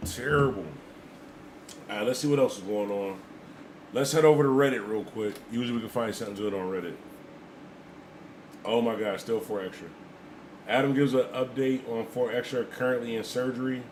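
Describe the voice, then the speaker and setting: A man hosting a casual livestream, reacting in loose, slangy, repetitive talk. His voice sits at an ordinary middle pitch. A faint hiss of noise runs behind him. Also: fairly even intonation, fairly quick, pauses often, darkish tone, rough recording. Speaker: livestream host.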